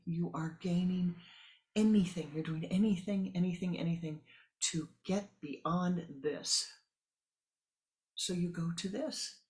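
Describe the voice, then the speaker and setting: Giving a sermon, a man with a higher-leaning, slightly mellow voice speaks as a spiritual teacher. He drifts into reflective asides and hammers points home by repeating words.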